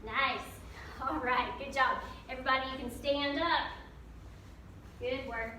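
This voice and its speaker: High-pitched woman aerobics instructor, very echoey room. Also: fairly even intonation, measured pace, bright, forceful tone. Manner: encouraging, informal, giving form cues. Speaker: fitness coach. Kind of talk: aerobics instructor leading a workout. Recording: very echoey room, distant mic, faint noise.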